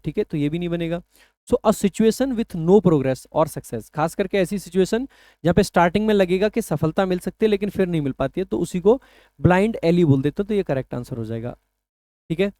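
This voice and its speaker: A man teaches English vocabulary for an exam in a patient, explaining way. His voice is high-pitched with a mellow tone, and the recording is dry and close. He slows down carefully whenever he reads an English phrase aloud. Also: no echo. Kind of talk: exam-prep lesson.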